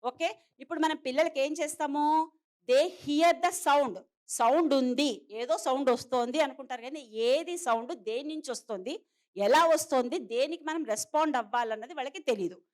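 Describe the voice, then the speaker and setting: A woman's voice: high-pitched, brisk. A middle-aged woman giving a seminar lecture to parents. She explains step by step, mixes in English terms and asks the audience rhetorical questions. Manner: mixes many English terms into her talk. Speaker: trainer of parents of hearing-impaired children.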